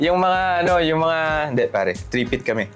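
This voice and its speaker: A man's voice: on the high side, expressive, normal speed. A man co-hosting a casual chat, easygoing and fond of stories, speaking. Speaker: co-host. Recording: faint music underneath.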